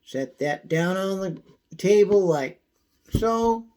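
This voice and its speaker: A man giving a casual, folksy how-to demonstration, his voice thin and squeaky from a coming cold. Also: animated, darkish tone. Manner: folksy, unhurried, frequent throat clearing. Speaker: video host demonstrating pocket knife care.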